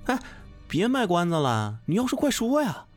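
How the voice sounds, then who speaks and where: A man's voice: sits high, wildly swooping pitch, moderate pace, soft background music, pitched above the performer's own voice. A man voicing a timid, impatient young woman in a spoken horror story.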